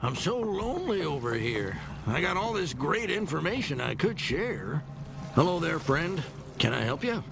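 An actor playing a gruff, gravelly old alien fisherman in a video game, rambling and world-weary. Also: a little high, sing-song, normal speed, noisy background. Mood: lonely, friendly. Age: older.

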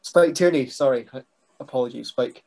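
A young man, talking as a guest on a video call interview, soft-spoken and hesitant with restarts. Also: medium pitch, normal speed, creaky. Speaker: guest, wrestling writer and trainee. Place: small bedroom indoors. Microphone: webcam mic on video call.

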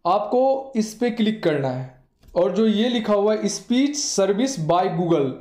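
He has a high voice with a dark tone: a man in his twenties, Indian-accented, explaining how to do things on a phone in tutorial-host style and repeating himself for emphasis. The recording comes from a small bare indoor room and sounds echoey.

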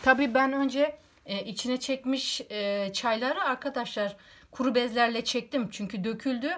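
A woman's voice: a little high, normal speed, fairly bright tone. A woman in a casual how-to home cleaning video, chatting to viewers as friends while she works on a rug at home.

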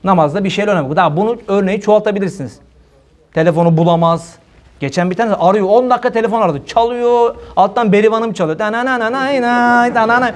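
A man with a high voice preaches to a live congregation in a hall. He jokes and tells stories, mimics the people he talks about, and laughs at his own jokes. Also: fast talker, darkish tone. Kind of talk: humorous religious talk to a congregation.

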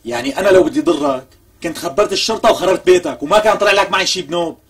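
A man's voice: on the high side, very animated, racing, creaky, fairly bright tone, slightly rough, heavily acted. An actor with a Syrian accent playing a persistent, coaxing man who makes ever bigger offers in a TV comedy. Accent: Syrian Arabic. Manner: coaxing, wheedling, insistent. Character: smooth, pushy man bargaining hard. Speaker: persistent visitor. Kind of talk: TV comedy acting.

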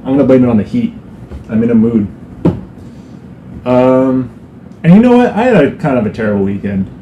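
A man's voice: mid-range voice, expressive, normal speed, warm tone, reverberant, dull audio, a little hiss or hum. A man giving a casual band update, rambling with many fillers and a dry, self-mocking sarcasm. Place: indoors on a hot day. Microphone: no lapel mic, camera mic.

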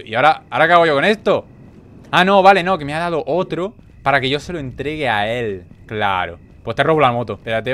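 A young man with a Spain Spanish accent doing joking gameplay commentary, animated, with sudden loud outbursts. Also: medium pitch. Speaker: gaming video creator.

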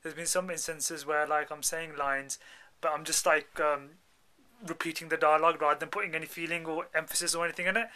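Young British male vlogger, forward bright tone, pitched a bit high, informal and chatty with plenty of slang. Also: little pitch movement, brisk. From England. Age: young adult. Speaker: film actor, vlogger. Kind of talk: casual video diary. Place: dubbing studio rooms and inside a parked car. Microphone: handheld camera at arm's length.

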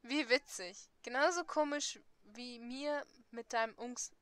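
Frau spricht eine verlegene Schülerin. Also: female voice, a little high, measured pace, a bit bright, no room sound. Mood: defensive. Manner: nervous, defensive. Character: shy, flustered teenage schoolgirl heroine. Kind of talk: dubbing a dating game.

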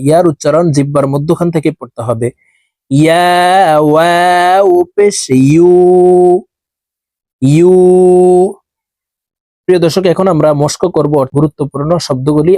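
A man teaching Quran reading, chanting letters and syllables one by one in a drawn-out way, with brisk asides of explanation. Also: a little high, darkish tone, no echo. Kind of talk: slow spelled-out recitation lesson.

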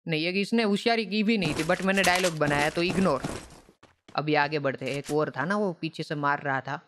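Young male gaming YouTuber, mocking banter, fairly high lively voice over loud game audio. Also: brisk, background noise. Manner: playful trash-talk at opponents. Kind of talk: mobile gameplay commentary. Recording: loud game sounds behind the voice.

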